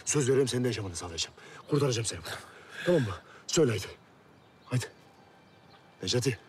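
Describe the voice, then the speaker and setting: An actor playing a desperate man who begs a dying foe, then shouts in anguish. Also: mid-range voice, animated, racing, slight background noise, close to an everyday voice. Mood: pleading. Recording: tense TV drama music behind.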